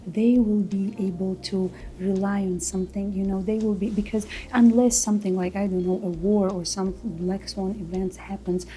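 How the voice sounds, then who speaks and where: A woman in her thirties from Tajikistan, a realtor, talks casually as an interview guest in a loose manner full of fillers and frequent restarts. Her mid-range voice has a dark tone, and the low-quality recording carries a little hiss or hum.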